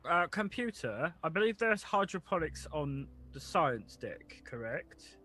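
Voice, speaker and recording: A man's voice: a little high, very animated, measured pace, sharp tone, soft background music, exaggerated voice. A man playing a hesitant, stammering starship crewman in a role-playing game. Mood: inquisitive.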